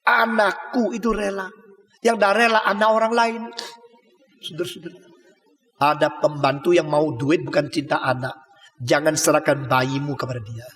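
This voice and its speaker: A man preaching a sermon in a large church hall, his voice pitched high for a man, with a long reverb trailing each phrase. He speaks, mixing colloquial asides and rhetorical questions with sudden loud, high-pitched bursts. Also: moderate pace. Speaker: pastor.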